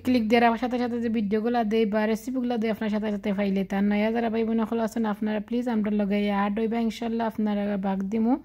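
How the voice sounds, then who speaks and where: Mellow Sylheti-accented woman cooking vlogger. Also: fairly high pitch, little pitch movement, racing, hardly any pauses, muffled recording. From Sylhet, Bangladesh. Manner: chatty, explains each step while grinding on a stone. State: feeling unwell. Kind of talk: casual cooking vlog narration.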